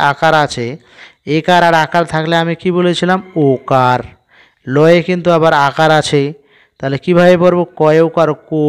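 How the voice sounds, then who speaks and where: A man's voice: a little high, smooth. Patient man spelling words syllable by syllable. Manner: spells out each syllable, then reads the word slowly; patient, asks the listener questions. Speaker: teacher. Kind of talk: reading lesson for children.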